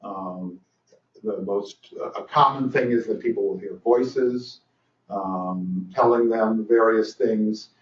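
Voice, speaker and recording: An older man gives a conference lecture at a legal training in an echoey hall, speaking slowly in a lowish voice. He has a dry humor and frequently uses fillers and restarts. The recording sounds roomy, distant, and dull.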